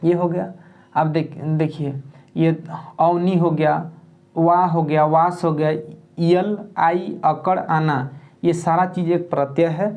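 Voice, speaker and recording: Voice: medium pitch, fairly even intonation, takes it slowly, a little mellow. A teacher giving an exam-prep grammar lesson, who repeats and spells out word parts and keeps checking in with "okay?" while explaining plainly.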